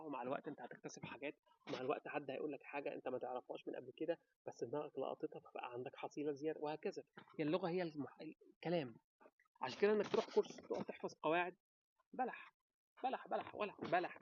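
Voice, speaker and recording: Fast-talking Egyptian man giving advice. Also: fairly high pitch, slightly rough, dry recording, dull audio. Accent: Egyptian Arabic. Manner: animated, talks straight to the viewer with quick rhetorical questions. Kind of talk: casual advice talk to camera.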